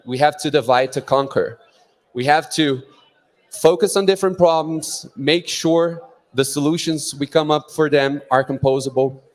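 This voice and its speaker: A man giving an earnest, rallying keynote at a conference, introducing his project. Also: on the high side. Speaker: conference speaker, project founder. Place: conference stage in a large hall. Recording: long hall reverb.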